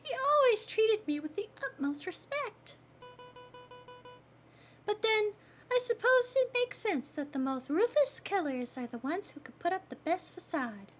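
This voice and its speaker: A woman's voice: very high voice, sing-song, unhurried, soft background music, pitched above the performer's own voice, exaggerated voice. A woman voicing a polite, chatty young lady bird in a video game, genteel and candid. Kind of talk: video game character voice read aloud.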